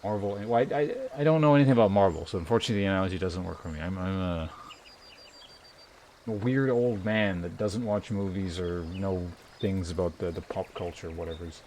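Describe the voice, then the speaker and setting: Live streaming a game over background music, this man speaks in a low, slightly mellow voice, a little fast. He rambles politely in casual chat, thinking aloud and reading viewers' messages, with slight background noise.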